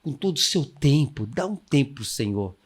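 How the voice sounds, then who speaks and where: A man's voice: medium pitch, very animated, moderate pace, breathy edge. A man, a missionary guest giving enthusiastic, preaching-style advice and acting out the inner voices he quotes. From Brazil. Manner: exuberant, acts out quoted inner voices, calls for amens.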